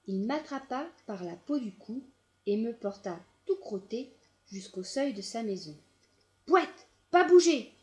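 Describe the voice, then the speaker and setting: A woman reading a children's audiobook aloud in a gentle, measured storytelling manner. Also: mid-range voice. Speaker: storybook narrator.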